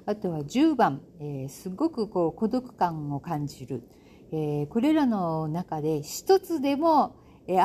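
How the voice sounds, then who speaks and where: A woman's voice: fairly low pitch, mellow, a little hiss or hum. A middle-aged woman hosting a casual solo talk, chatty and self-amused, with lots of fillers. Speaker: podcast host. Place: home in Bali.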